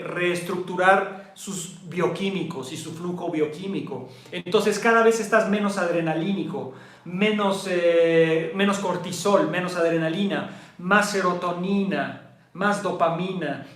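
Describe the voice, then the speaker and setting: A man with a Mexican Spanish accent and a fairly high voice gives a meditation talk, heard in an echoey room. He repeats each phrase and fades it to a near hush. When he acts out an anxious mind he speeds up and climbs higher. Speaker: meditation teacher.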